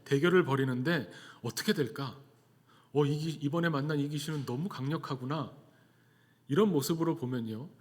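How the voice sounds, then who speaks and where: Conversational pastor in a reverberant hall. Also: male voice, a little high. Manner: conversational, asks rhetorical questions. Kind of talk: sermon.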